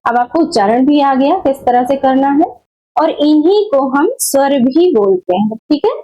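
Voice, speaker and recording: A woman teaching a Hindi grammar lesson, explaining slowly and deliberately and correcting common mistakes. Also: sits high, animated, warm tone, muffled recording. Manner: slow, deliberate explaining with repeated checks; corrective, scolding about wrong teaching. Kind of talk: exam-prep grammar lesson.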